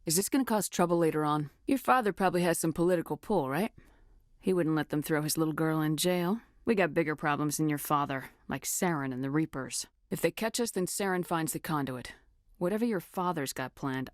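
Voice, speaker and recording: An actress voicing a tough, no-nonsense female starship commander in a video game, with a firm, measured, authoritative delivery. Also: deep voice, dry recording, studio quality, close to an everyday voice. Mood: resolute. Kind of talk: video game dialogue acting.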